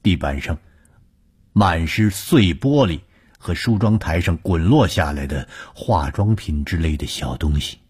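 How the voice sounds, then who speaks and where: A man narrating a scripted ghost story with a measured, suspenseful delivery. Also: deep voice, animated, a little mellow, breathy edge.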